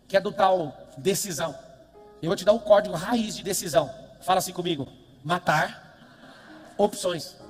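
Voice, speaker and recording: A Brazilian man with a high voice leads a motivational seminar from a stage in a big, echoing hall. His delivery is emphatic: he drops to quick asides, then shouts lines for the audience to chant back. Soft music sits under his voice. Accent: Brazilian Portuguese. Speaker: motivational speaker. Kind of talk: live motivational seminar with call-and-response. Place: large event hall with a big screen. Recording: long hall reverb, faint music behind.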